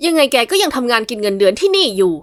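A blunt, fretful middle-aged aunt, as a woman narrator puts her on, scolding in a fairly high voice with a lively lilt. The sound is dry and close. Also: rapid-fire, no echo. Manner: scolding, nagging.

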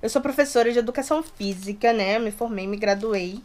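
Slightly high and fairly quick, this late-twenties woman from Resende in Rio de Janeiro state talks casually to the camera from a small bedroom, the camera close in front. Chatty and playful with lively hand gestures, she has a Brazilian accent blending Rio, São Paulo and Minas.

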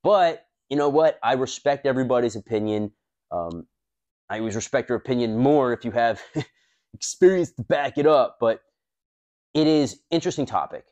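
A man's voice: on the low side, a little mellow, muffled recording. Blunt, profane man talking to camera. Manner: blunt and profane, lots of fillers. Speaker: self-defense channel host. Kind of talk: casual talk to camera. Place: high-rise room by a window.

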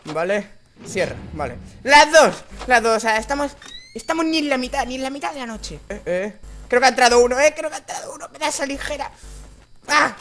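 A man with a Spanish accent from Spain, a high and reedy voice, commentating a horror game while swearing constantly and breaking into frightened screams. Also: lively intonation, fairly quick, a bit bright, faint music behind. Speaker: gameplay commentator.

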